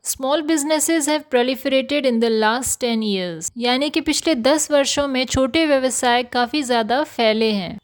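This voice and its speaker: A woman teaching English vocabulary in Hindi, who explains each word and reads the English examples slowly and deliberately. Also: a little high. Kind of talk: Hindi-language vocabulary lesson.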